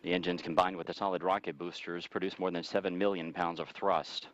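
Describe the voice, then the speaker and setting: A man's voice: low voice, flat delivery, fairly quick, fairly bright tone, no echo, dull audio. An American man giving live mission control radio commentary on a flight, reporting in a formal, factual way.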